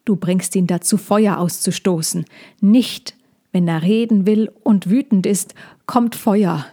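A woman voicing a worried female dragon in a storybook reading, speaking sharply or in a shaky hush. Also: on the low side, steady tone, a little slow, husky. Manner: sharp at first, then trembling and hushed.

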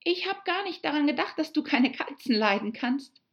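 A woman's voice: sits high, animated, normal speed, highs cut off, voice pushed up. A woman voicing an eager, polite young girl who chatters on apologetically.

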